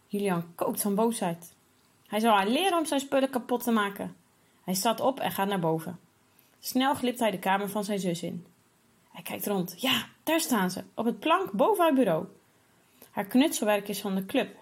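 A woman reading a children's story aloud in a steady, expressive way. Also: medium pitch, slightly rough.

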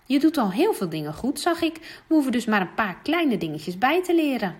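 A woman doing a gentle, bright swim teacher. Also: on the high side, big pitch swings, brisk, slightly rough, voice pushed up. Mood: encouraging. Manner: gentle, encouraging. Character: kind patient young female swim teacher.

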